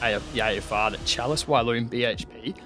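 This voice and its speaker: An Australian man co-hosting a casual mining podcast, quick and relaxed, with filler ums. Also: medium pitch, music in the background. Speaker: podcast co-host. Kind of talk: casual chat.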